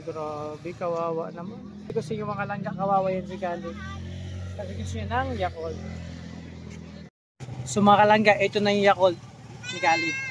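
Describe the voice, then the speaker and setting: A man's voice: high-pitched, fairly bright tone, a little hiss or hum. A man vlogging outdoors by the seaside, teasing and coaxing a child with playful questions. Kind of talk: casual vlog narration.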